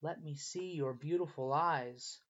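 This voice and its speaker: A man's voice: a little high, a little slow, fairly bright tone. A man voicing a soothing whisper from an abyss. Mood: beckoning. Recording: slightly muffled recording.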